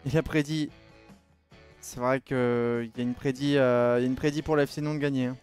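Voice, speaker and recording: A man's voice: mid-range voice, fairly even intonation, a little fast, a little mellow, clean tone, soft background music. A man streaming a racing game live, chatting casually and reading viewer messages aloud in loose slang. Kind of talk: casual live-stream chat while gaming.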